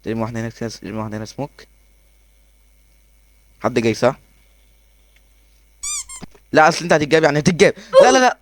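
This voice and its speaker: A man with an Egyptian accent giving excitable gameplay commentary, laughing often and talking to himself as he plays. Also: mid-range voice, quick pace, pauses often. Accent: Egyptian Arabic. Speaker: gaming YouTuber.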